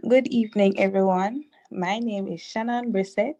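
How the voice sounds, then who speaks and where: A woman in her twenties, a quiz contestant, introducing herself and reading answers slowly and deliberately. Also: mid-range voice, vocal fry, warm tone, rough recording. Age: 20s. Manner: slow and deliberate.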